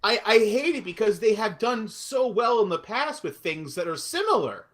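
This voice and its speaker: A man co-hosting a podcast in casual chat, animated and swearing, often laughing. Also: high voice, moderate pace. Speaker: podcast co-host.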